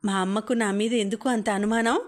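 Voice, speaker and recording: A woman's voice: mid-range voice, fairly even intonation, fairly quick, lightly acted. A woman voicing an irritated, stubborn young woman who answers back snappily, in an audiobook. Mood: sulky.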